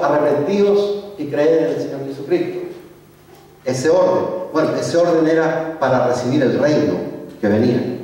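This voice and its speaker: A man's voice: medium pitch, warm tone. Guy teaching at church, chatty, stumbles and restarts a lot, big echoey hall, long reverb, heard from far off. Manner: conversational, repeats and corrects himself mid-sentence. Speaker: evangelism workshop teacher.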